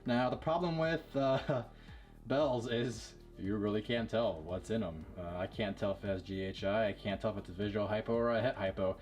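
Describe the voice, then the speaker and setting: A man breeding ball pythons, talking casually and quickly with lots of fillers as he shows his snakes. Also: lowish voice, a little mellow, muffled recording, faint music behind. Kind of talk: casual vlog showing animals.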